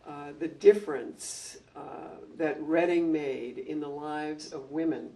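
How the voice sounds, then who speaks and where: An older woman with a gravelly, mellow voice recalls her years as a principal for a library gathering. She tells her anecdotes in a measured way, pausing on ums. The mic picks her up from across the room. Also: sits low, fairly even intonation. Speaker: former school principal. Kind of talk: reminiscing talk at a community gathering. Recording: distant mic.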